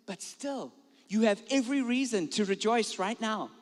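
A man preaching in English, pausing line by line for an interpreter, fervent and building in bursts. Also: high-pitched. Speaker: guest preacher. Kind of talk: sermon with live interpreter. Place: church hall. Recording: long hall reverb.

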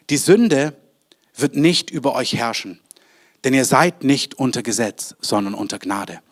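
A man preaching a sermon, speaking earnestly and directly to his listeners and building in fervor as he goes. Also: a little high. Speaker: pastor.

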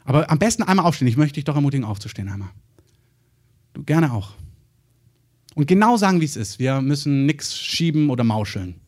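A man's voice: fairly high pitch, big pitch swings, brisk, pauses often, darkish tone. A man giving a charismatic sermon in an emphatic, conversational way, recorded by a distant mic in a hall. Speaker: preacher. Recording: echoey hall, distant mic, faint room noise.

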